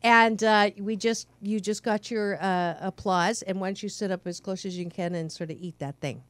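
A woman's voice: mid-range voice, fairly even intonation, normal speed, no room sound. A middle-aged woman hosting a talk show in a bubbly, effusive way, with frequent laughter. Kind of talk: casual interview chat.

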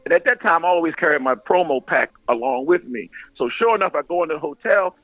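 A middle-aged man, a stand-up comedian, telling stories in casual animated chat, laughing often and talking in loose street slang. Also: fairly high pitch, fast talker, no echo. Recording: phone-like radio line.

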